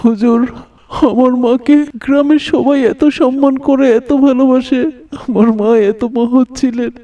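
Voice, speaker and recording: An actor voices a distraught young son from a village, devout and quick-tempered, stammering and repeating words in a melodramatic cartoon style with an anguished, pleading mood. The voice is high-pitched, steady, and warm, recorded far from the mic with lo-fi sound.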